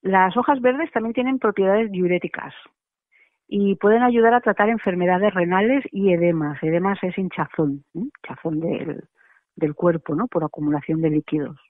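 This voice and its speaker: A woman's voice: on the low side, moderate pace, no room sound. Woman on a tinny phone line. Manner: chatty, explanatory, frequent tag questions. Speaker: macrobiotic cooking guest. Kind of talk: radio interview by phone.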